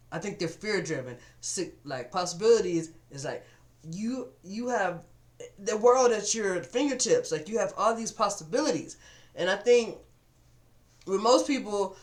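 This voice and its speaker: Storytelling man on a webcam. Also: fairly high pitch. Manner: storytelling, acts out quoted voices, repeats words. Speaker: vlogger. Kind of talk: casual motivational talk to webcam. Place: at home at a computer.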